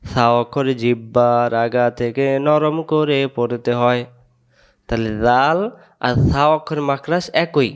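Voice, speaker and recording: A man with a Bangladeshi Bengali accent teaches Quran letters, speaking very slowly and drawing out each sound. His voice is smooth and clear. He repeats each syllable and asks the class to say it back. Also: medium pitch. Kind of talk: slow, drilling recitation lesson.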